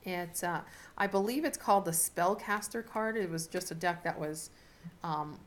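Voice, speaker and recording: A woman giving a casual, unscripted tarot reading as host, talking in a chatty, halting way as she thinks aloud. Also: fairly low pitch. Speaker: tarot card reader hosting a video reading. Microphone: camera set up in front of the speaker. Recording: noticeable background noise with clicks.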